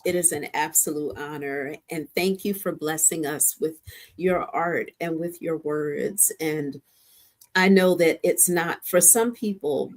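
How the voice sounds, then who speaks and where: A woman's voice: low-pitched, a little slow. An older woman hosting a casual chat, effusive with praise.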